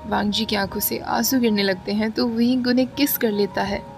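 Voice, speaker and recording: A woman reading a fan fiction story aloud in steady, even narration. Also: medium pitch, a little fast, vocal fry. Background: faint background music.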